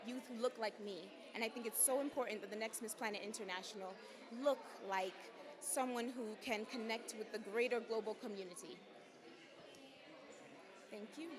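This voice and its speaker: Pageant contestant, woman, slightly high voice, loud and earnest, crowd chatter behind. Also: moderate pace. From Jamaica and the United States. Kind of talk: media interview answers.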